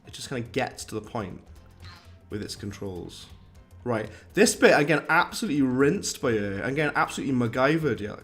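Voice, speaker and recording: Chatty streamer, joking. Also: male voice, mid-range voice, animated, a little fast, fairly bright tone, faint music behind. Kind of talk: casual live-stream commentary.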